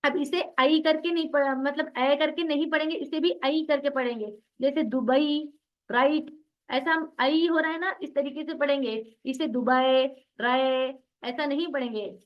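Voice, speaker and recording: Female tajweed teacher, high voice, asks and answers her own questions, dull lo-fi class audio. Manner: drills syllables slowly, one by one. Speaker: Quran recitation teacher.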